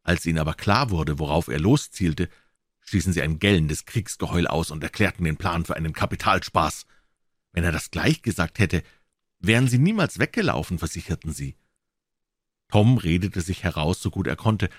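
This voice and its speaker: A man narrating a classic novel with expressive storytelling. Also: low voice, moderate pace, no echo, studio quality. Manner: expressive storytelling, voicing the characters. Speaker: audiobook narrator.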